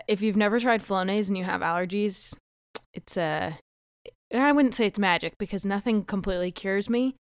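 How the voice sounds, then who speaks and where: A woman's voice: medium pitch, clean tone, no room sound, clean studio sound. A young woman host chatting casually on her solo podcast, a bit stuffy and winded, rambling and laughing at herself. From United States.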